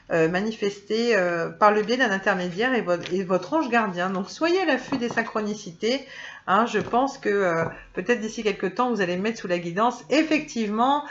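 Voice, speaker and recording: A woman's voice: medium pitch, fairly bright tone, highs cut off. A woman reading oracle cards in a casual, chatty way, full of hesitations and restarts. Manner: chatty, many fillers and restarts. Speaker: tarot card reader. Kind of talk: casual spoken guidance video.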